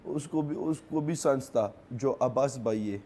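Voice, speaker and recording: In an interview, a young man from Khyber Pakhtunkhwa, Pakistan, speaking with his native Pashto accent, describes what happened through grief in broken, halting, self-repeating phrases. His mellow voice sits mid-range, and a little hiss or hum can be heard.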